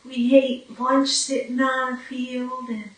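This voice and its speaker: Slow, halting woman in her forties. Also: sits high, little pitch movement, distant mic. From Newfoundland, Canada. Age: 40s. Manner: slow, halting, with pauses and fillers. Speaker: brain injury survivor telling her story. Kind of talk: documentary interview. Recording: echoey room, voice from off-mic.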